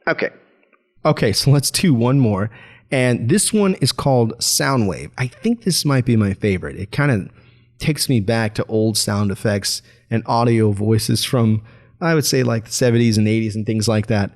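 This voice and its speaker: A man's voice: medium pitch, normal speed, darkish tone. A man streamer giving a casual, chatty product demo with frequent chuckles. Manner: upbeat, chatty, chuckles often. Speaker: streamer reviewing gear.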